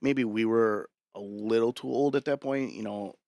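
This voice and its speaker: Low-voiced measured male podcast host. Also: gravelly, a little mellow, no echo, muffled recording. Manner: steers the talk back on topic, measured. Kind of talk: casual chat.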